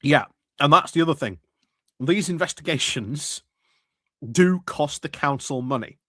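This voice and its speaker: A political commentary streamer riffs casually over meeting clips in a fairly high, lively voice that sounds pushed and bright. He's unhurried but hesitant, with many fillers and restarts, recorded dry on a close mic.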